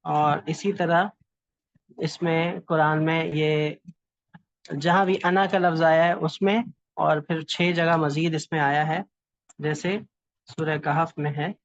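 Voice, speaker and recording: A man teaching a lesson at an unhurried, measured pace, stopping often to find his words. His voice sits in a middle register and sounds dry and close, with dull, muffled audio. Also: a little high, little pitch movement, no echo. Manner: slow, patient, halting with pauses and fillers. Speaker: calligraphy teacher. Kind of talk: classroom lesson explanation.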